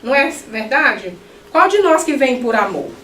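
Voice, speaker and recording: A middle-aged woman giving a spiritist lecture, animated, with joking asides to her audience. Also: high-pitched, moderate pace. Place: lecture hall. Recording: echoey hall, mic at a distance.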